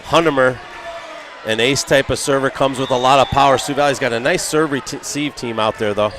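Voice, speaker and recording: Steady man reading volleyball stats. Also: medium pitch, brisk, background noise. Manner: steady, reads stats methodically. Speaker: color commentator. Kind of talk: volleyball color commentary.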